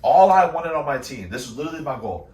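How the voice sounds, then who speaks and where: A man co-hosting a casual reaction chat, excitable and laughing as he tells stories. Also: mid-range voice, fast. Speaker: co-host. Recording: echoey room, distant mic, music behind.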